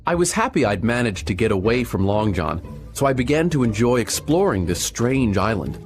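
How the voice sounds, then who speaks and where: Expressive male storybook narrator. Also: medium pitch, moderate pace, soft background music. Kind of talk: storybook reading.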